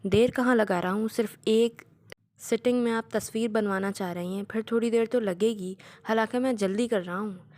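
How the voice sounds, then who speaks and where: A woman's voice: mid-range voice, moderate pace, a little mellow, lightly acted. A woman reading the lines of a playful, teasing young man in a storybook. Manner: teasing, offhand.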